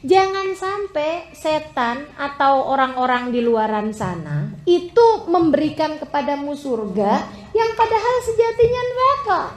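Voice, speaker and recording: A woman's voice: a little slow, echoey room. A woman preacher giving an emotive sermon and telling stories with wide swings of expression. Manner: animated, emotive storytelling with wide pitch swings.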